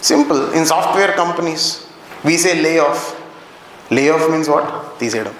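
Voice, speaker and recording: High-voiced Indian man lecturing in an echoey classroom. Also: steady tone, slow, a bit bright. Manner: questioning the class, answering his own questions. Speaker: anthropology teacher. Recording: very echoey classroom, faint background noise.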